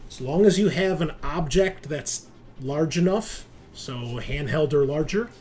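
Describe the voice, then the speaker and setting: A man with a fairly high, slightly mellow voice speaks a little slowly as game master of a tabletop roleplaying game. He's relaxed and enthusiastic with occasional swearing, and there's music plus slight background noise behind him.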